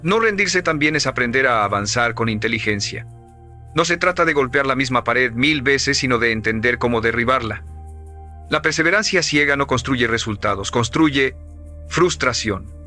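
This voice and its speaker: A man giving scripted motivational narration in an emphatic, measured, preaching cadence. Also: medium pitch, animated, pushed and bright, faint music behind.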